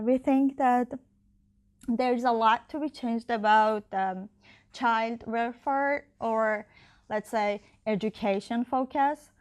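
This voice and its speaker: With a voice that's a little high and a little mellow, a young woman candidate in an election fields interview questions. She answers in English rather than her first language, which is not Icelandic, and her speech has lots of fillers and restarts.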